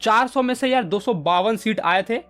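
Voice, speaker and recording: A man's voice: high voice, normal speed, fairly bright tone. A male teacher from India, explaining a book chapter to students in a casual, chatty way and checking in often with them. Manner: chatty, keeps saying "yaar" and "theek hai".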